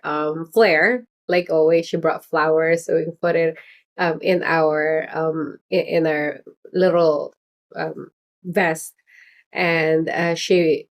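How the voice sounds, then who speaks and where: Running a relaxed livestream as a political candidate, a middle-aged woman of Filipino heritage talks in a chatty, meandering way, full of fillers and small laughs. Her voice is fairly low.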